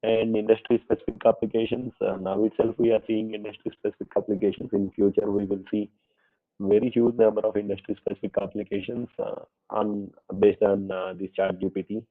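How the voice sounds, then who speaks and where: Speaking fairly quickly in a lowish, flat voice, a man with an Indian English accent presents a lecture with Q&A at an online faculty workshop. He has a cold and fever that affect his voice, and he hesitates often, uses many fillers, and politely addresses listeners as sir. The online meeting audio sounds tinny and phone-like.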